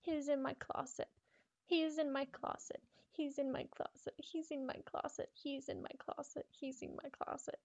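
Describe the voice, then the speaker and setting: A woman's voice: high voice, steady tone, moderate pace, dull audio, pitched above the performer's own voice, lightly acted. A woman voicing a frightened, obsessive young schoolgirl reading out her horror diary, pleading, stammering and repeating herself. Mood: terrified, pleading.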